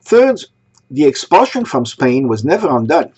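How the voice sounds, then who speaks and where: A man from Egypt delivering a sermon, posing rhetorical questions in a measured way. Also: fairly high pitch, sing-song, darkish tone, breathy edge. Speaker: synagogue speaker. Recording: dull lo-fi recording.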